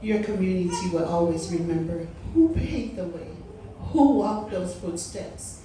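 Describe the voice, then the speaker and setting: A Samoan-speaking woman, a community leader, delivers a public tribute speech slowly, with heartfelt emphasis, in a fairly low, dark voice. She's recorded from far off in a large, echoey hall, with a little hiss or hum.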